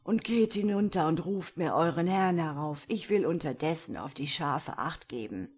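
A woman reading a fairy tale aloud and voicing a disguised wolf as an old hag with a rough, low, coaxing voice. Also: moderate pace, a little mellow.

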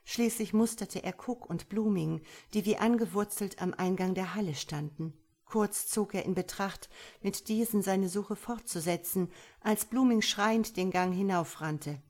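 A woman reading a thriller audiobook in steady, measured scripted narration. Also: mid-range voice.

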